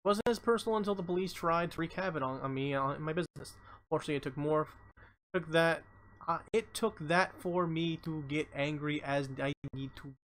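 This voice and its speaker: A man's voice: on the high side, fairly quick, fairly bright tone, a little hiss or hum, rough recording. Blunt man reading news on a stream. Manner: stumbling over words, blunt and profane asides. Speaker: live streamer. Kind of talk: reading news aloud with commentary.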